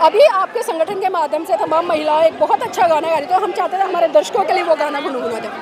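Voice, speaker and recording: A woman's voice: very high voice, fast talker, noisy background. A woman reporter pressing protesters with questions in a street interview at an outdoor protest. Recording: loud crowd behind.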